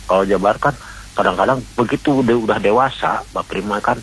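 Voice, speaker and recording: Calling in to a radio show, a man with a low voice and fairly bright tone shares a rambling, earnest opinion, repeating himself and halting as he presses his point. The line is faintly hissy and the audio is poor.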